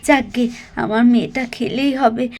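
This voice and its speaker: A woman's voice: on the high side, fairly even intonation, moderate pace, darkish tone, natural voice. A woman voicing a poor, self-sacrificing young village mother who speaks emotionally and tenderly to her daughter.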